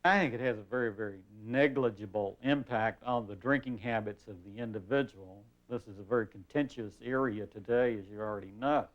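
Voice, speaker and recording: Measured male expert on worn tape. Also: on the low side. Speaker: expert guest, a doctor. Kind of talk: explaining to a TV panel. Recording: dull worn videotape copy.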